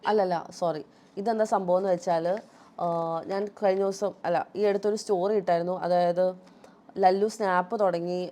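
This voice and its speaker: A woman's voice: lowish voice, fairly even intonation, fairly quick, warm tone. A woman vlogger with a Malayali accent, telling viewers a personal story in an aggrieved, emphatic way.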